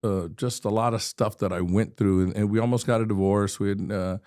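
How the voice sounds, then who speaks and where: A man's voice: fairly low pitch, steady tone, a little fast, a little mellow. A man in his sixties from Texas, a state representative telling a personal story as a podcast guest, earnest and vivid, often restarting his sentences.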